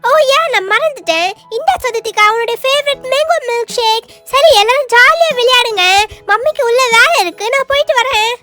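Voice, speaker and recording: A woman voicing a gentle, caring mother in a doll show, speaking in a soothing motherly way. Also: very high voice, animated, fairly quick, hardly any pauses, loud music behind the voice. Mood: light.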